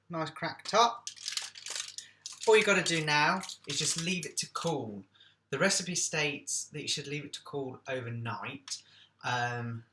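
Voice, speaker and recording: A man's voice: medium pitch, sharp tone, echoey room. A man hosting a casual cooking vlog, chatting along with jokey, self-deprecating asides.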